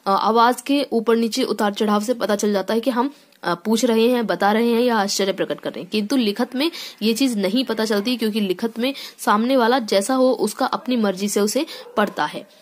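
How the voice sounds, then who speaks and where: A woman's voice: on the high side, moderate pace. A woman teaching a grammar lesson. She explains step by step, often checks in with "theek hai", and reads each rule aloud before unpacking it. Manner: reads sentences aloud then explains them.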